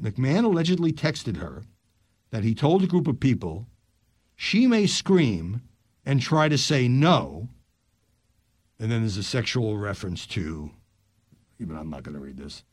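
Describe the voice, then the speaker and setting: Animated older man reading the news. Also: no echo. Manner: animated delivery, drops low for asides. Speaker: news podcast host. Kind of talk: reading news stories aloud with asides.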